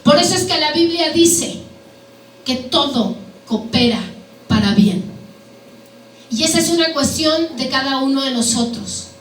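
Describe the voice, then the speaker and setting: A woman's voice: high voice, animated, a little slow, pauses often, faint music behind. A woman preacher delivering a sermon to a congregation, asking them questions as she goes. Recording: echoey hall, mic at a distance, faint background noise.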